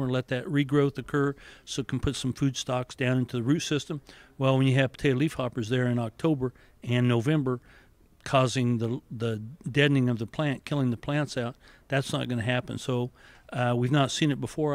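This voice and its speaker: A man's voice: medium pitch, a little mellow, dry recording. A man who is a university entomologist, answering interview questions in a methodical, explanatory way in an office with a handheld mic held toward him. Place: office with windows and plants, indoors.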